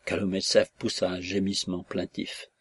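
A man narrating a classic novel as an audiobook in a measured, even storytelling manner. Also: deep voice, husky.

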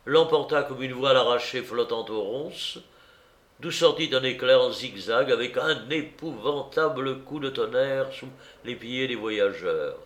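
Slow, measured male storybook narrator. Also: mid-range voice, fairly bright tone. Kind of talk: audiobook narration. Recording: roomy echo.

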